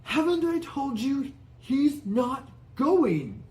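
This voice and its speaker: A man's voice: very high-pitched, sing-song, slow, roomy sound, voice pushed up, exaggerated voice. A man voicing an irate, stubborn middle-aged uncle who blusters indignantly in an audiobook. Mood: outraged. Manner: hissing, yelling, indignant.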